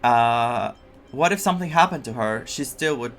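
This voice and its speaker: Over soft background music, a man with a mid-range, somewhat bright voice reacts casually as a gaming streamer to a story game. He's animated, speaks at a moderate pace, and keeps repeating himself in theatrical exasperation.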